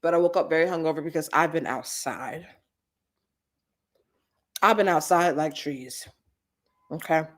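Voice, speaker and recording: A woman, hosting a live chat show and telling casual stories with big swings in pitch. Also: measured pace, pauses often. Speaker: host. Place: Los Angeles.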